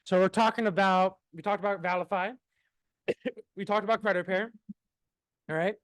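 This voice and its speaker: A man's voice: sits high, steady tone, moderate pace, dry recording. A young man talking casually about marketing, rambling, repeating words and swearing now and then. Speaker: marketing entrepreneur. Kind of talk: casual business talk.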